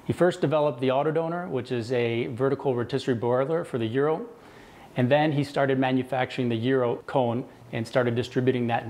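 A man's voice: medium pitch, darkish tone. A man in his thirties, a company executive, speaking earnestly in an interview on a lapel mic in a kitchen showroom.

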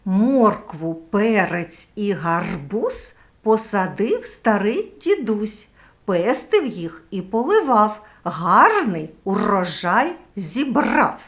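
Slow sing-song woman teaching children. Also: medium pitch. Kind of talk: children's speech lesson.

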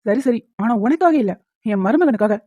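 A woman's voice: on the high side, expressive, moderate pace, no room sound. A woman voicing a whiny bickering husband. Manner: loud protesting outbursts. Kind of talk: Tamil cartoon dubbing. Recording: tinny phone-like, dry.

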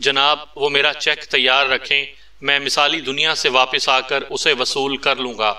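A man's voice: medium pitch, flat delivery, a little slow, bright, forceful tone. A man voicing a joking, witty male secret agent in a read-aloud story, with a playful, teasing manner. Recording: distant mic.

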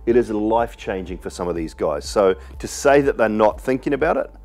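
A man's voice: lowish voice, animated, brisk, gravelly, a little mellow, faint music behind. A man in his forties giving blunt, emphatic cricket opinions on a studio panel. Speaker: cricket pundit. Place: TV studio, indoors. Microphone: lapel mic.

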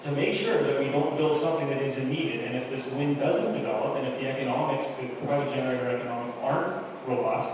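A man, an official, answering questions at a public meeting in a measured, explanatory way. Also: mid-range voice, fairly even intonation. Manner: measured, repeats phrases while explaining. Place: large wooden community hall, indoors. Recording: echoey hall, distant mic, noisy.

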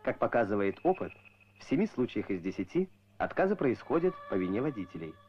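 A man narrating a scripted documentary as an old Soviet newsreel narrator, in a measured, formal announcer style. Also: on the low side, big pitch swings, a little hiss or hum. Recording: muffled old film soundtrack with music.

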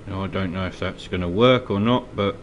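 Fairly quick and deep-voiced, a Scottish miniature painting tutor sounds stuffy and slightly congested from a cold. He narrates a casual hobby tutorial at an indoor hobby desk, relaxed and hesitant with many ums and uhs, amid slight background noise.

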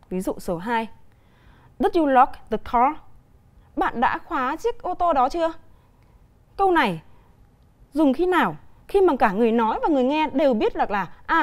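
Vietnamese-accented woman teacher, bright high register, patient televised lesson delivery. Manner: clear, deliberate explaining with examples. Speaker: English teacher.

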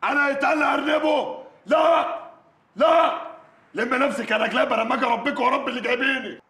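An actor playing a brash cheating husband who shouts at his wife, speaking with an Egyptian accent. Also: very high-pitched, brisk. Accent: Egyptian Arabic. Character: husband named Sayed, cheating, loud and brash. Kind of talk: Egyptian TV comedy acting. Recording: roomy scene with loud music.

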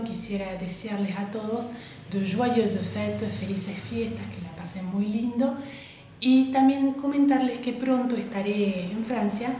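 A woman's voice: medium pitch, mellow, slight background noise. Woman, patient French teacher drilling words, very echoey room. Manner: patient, repeats words slowly for learners. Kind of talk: online language lesson.

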